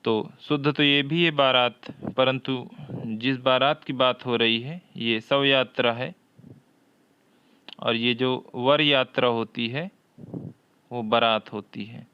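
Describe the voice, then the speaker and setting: A man teaching a Hindi exam-prep lesson, reading each question aloud, often twice, and explaining the answer deliberately. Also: mid-range voice, fairly even intonation, bright, forceful tone, highs cut off, slight background noise.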